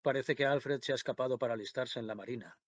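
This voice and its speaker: A man's voice: mid-range voice, fast, no echo, close to an everyday voice. A man reading a stubborn weary vicar. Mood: stiff. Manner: stiff, dogged. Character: stubborn, weary middle-aged country vicar.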